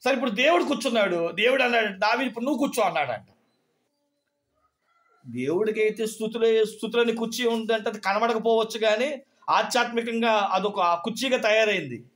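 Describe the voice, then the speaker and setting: High-voiced male pastor preaching. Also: moderate pace, fairly bright tone. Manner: storytelling, asking the congregation questions. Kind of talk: sermon.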